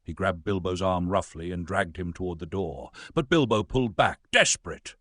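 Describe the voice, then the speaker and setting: A man narrates a storybook tale with a lively, dramatic delivery. His voice is husky, and his pitch rises and falls widely. The sound is dry and close. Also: moderate pace, dry recording.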